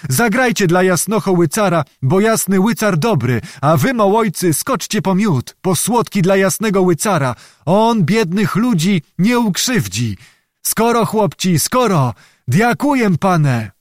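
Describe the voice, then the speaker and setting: A man's voice: high voice, very animated, measured pace, no echo, clean studio sound, voice pushed up. A man doing a pleading old peasant. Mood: eager. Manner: pleading, bowing, rustic speech.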